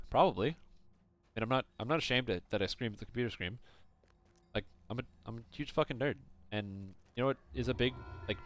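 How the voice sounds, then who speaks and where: A young man streaming a game, chatting casually, swearing and thinking aloud while he plays. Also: medium pitch. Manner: rambling, profane, thinks aloud. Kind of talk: casual livestream chat over gameplay.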